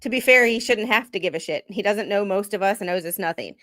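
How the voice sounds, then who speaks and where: A woman's voice: medium pitch, fast talker, pushed and bright. A woman chatting on a casual livestream, blunt and plain-spoken, laughing between remarks.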